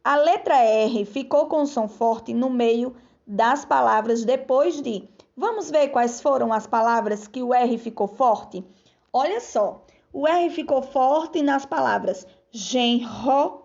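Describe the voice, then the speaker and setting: Slow, gravelly Brazilian woman teacher. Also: high-pitched, darkish tone. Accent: Brazilian Portuguese. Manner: patient, repeats sounds and syllables slowly. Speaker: primary school teacher. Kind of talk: recorded lesson for children. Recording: dull lo-fi recording.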